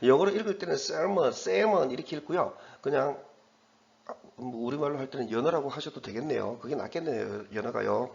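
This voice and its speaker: A man's voice: medium pitch, brisk, gravelly, dull audio. A man teaching English from an exam passage in a recorded lecture, explaining as he goes and correcting himself with fillers and restarts.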